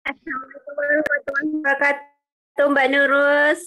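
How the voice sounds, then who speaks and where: A woman's voice: high-pitched, completely flat delivery, moderate pace, pushed and bright, soft background music, poor audio. A woman greeting politely on a group video call, her voice choppy and breaking up over a weak connection. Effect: choppy, breaking-up voice over a weak online call connection. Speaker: class participant.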